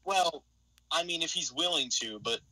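A young man guesting on a casual podcast, playful and jokey with deadpan asides. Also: on the high side, normal speed, vocal fry, no echo, low-quality recording. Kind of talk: casual goofy podcast chat.

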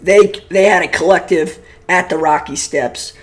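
A man's voice: fairly high pitch, moderate pace, fairly bright tone. A man co-hosting a sports podcast with a sore, fading voice, brash and boastful. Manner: brash, boastful fan talk. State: sore throat, losing his voice. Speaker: podcast co-host. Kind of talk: casual sports podcast chat.

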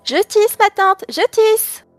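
A woman voicing a gentle, polite young peasant girl in a fairy tale. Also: very high-pitched, expressive, slow pace, no echo, soft background music, voice pushed up, heavily acted. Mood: obedient.

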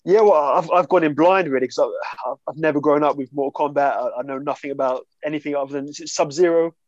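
A man co-hosting a casual podcast, easygoing and quick to laugh. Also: on the high side, dry recording, muffled recording. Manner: laughs often, easygoing, enthusiastic. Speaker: podcast co-host.

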